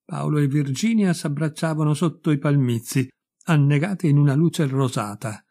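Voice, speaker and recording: A man narrating a short story as an audiobook reader, in a measured, clear storytelling delivery. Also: a little high, dark tone.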